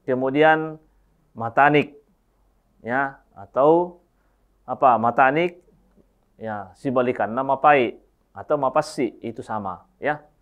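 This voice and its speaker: A male teacher giving a language lesson, slowly going through word pairs and often adding "ya". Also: mid-range voice, clear, resonant tone, narrow, tinny audio. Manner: slow, repetitive word-by-word explanation with frequent "ya".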